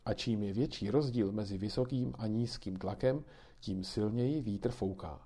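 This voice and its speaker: A man's voice: on the low side, dark tone, close to an everyday voice. A man reading aloud and voicing a kindly grandmother who patiently explains things to children. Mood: patiently explaining.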